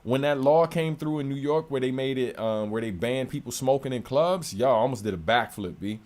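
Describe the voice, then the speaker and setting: A rapper and producer hosts a casual livestream Q&A from his home studio, answering questions in a loose, relaxed, unhurried way with many fillers. His voice is deep and low-register, though its pitch sits in an ordinary middle range.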